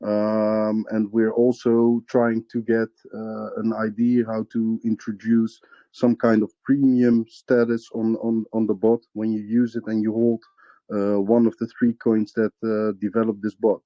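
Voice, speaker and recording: Low flat-voiced man, muffled call audio. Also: measured pace, no room sound. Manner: hesitant, many fillers and restarts. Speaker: crypto project representative. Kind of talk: AMA interview answers.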